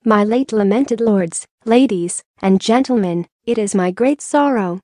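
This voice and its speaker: A woman's voice: medium pitch, unhurried, dark tone, no room sound, studio quality, natural voice. A woman playing a stiff, proud male ghost. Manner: stiff, formal.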